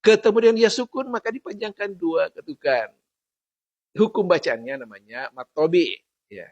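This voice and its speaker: Patient man teaching slow recitation. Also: a little high, expressive, darkish tone, no echo, highs cut off. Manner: patient, repeats sounds slowly and corrects common mistakes. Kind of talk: Quran recitation lesson with slow chanted verses.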